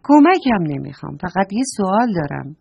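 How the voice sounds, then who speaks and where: A woman's voice: fairly low pitch, very animated, vocal fry, a little mellow, husky, no echo, muffled recording, heavily acted. Woman voicing polite little boy Ali. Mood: earnest. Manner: earnest, respectful, worried questions. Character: polite little boy, eager and well-mannered. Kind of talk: storybook read-aloud.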